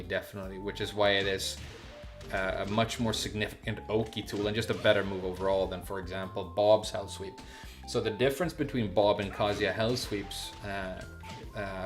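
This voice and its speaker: This low-voiced man from Sweden is a live streamer doing off-the-cuff chat and game commentary. His delivery is halting, full of false starts as he searches for the right words.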